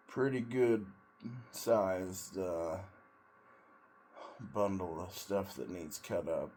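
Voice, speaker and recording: A man sitting in ice cold water, giving a casual, rambling monologue in a halting way with long pauses between short phrases. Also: sits low, creaky, a little mellow, a little hiss or hum. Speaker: vlogger, tradesman in auto body and paint.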